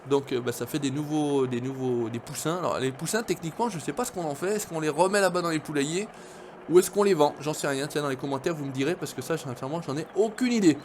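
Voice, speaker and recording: There's a slight hiss or hum as a French man, his voice on the high side, rattles quickly through a farming game for his gaming video. He keeps it casual and talkative, cursing occasionally and speaking straight to the people watching.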